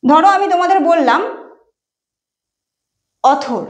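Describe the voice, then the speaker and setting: Woman teacher w a high voice, explains step by step, spells words out letter by letter. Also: expressive, slow pace. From Bengal. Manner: explains step by step, often says "ঠিক আছে". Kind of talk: exam-prep grammar lesson.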